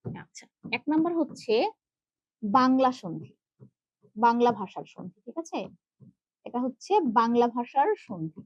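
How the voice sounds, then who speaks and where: A young woman with a high voice and a Bangladeshi Bengali accent teaches an online grammar lesson, explaining step by step and often checking that her students follow. The recording is dry and close, with a slightly dull, muffled sound. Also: big pitch swings, unhurried, pauses often, no echo. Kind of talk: online class lecture.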